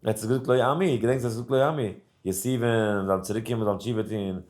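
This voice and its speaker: A man giving a casual Torah talk who springs into lively voices for the people in his story. Between stories he chants verses in a singsong and explains them plainly. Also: fairly low pitch, brisk. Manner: animated storyteller acting out characters, mixing in English and Hebrew. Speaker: rabbi teaching daily Torah study.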